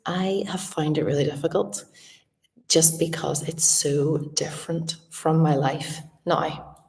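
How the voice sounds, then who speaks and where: Low-voiced woman, slightly slushy lisp. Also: steady tone, takes it slowly, creaky, darkish tone. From Northern Ireland. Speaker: artist and art teacher hosting a live Q&A. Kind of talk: casual livestream chat. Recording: echoey room, distant from the mic.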